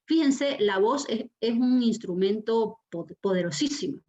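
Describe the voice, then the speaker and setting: A woman lecturer hosting an online class, speaking expressively and slowing down to stress her words. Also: on the high side, expressive, warm tone. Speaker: university lecturer and session host. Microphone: video call microphone. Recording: dull lo-fi video call audio.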